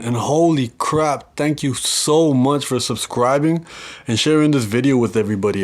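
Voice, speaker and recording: Earnest man vlogging to camera. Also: medium pitch. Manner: earnest, encouraging, thanks viewers warmly. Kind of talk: reflective talk to camera.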